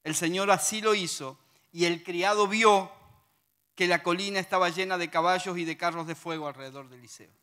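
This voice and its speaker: A man with a high voice and a Rioplatense Spanish accent preaches a sermon. His tone is bright and forceful, and he reads scripture aloud between lively, humorous asides to the congregation. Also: fairly quick, clear, resonant tone.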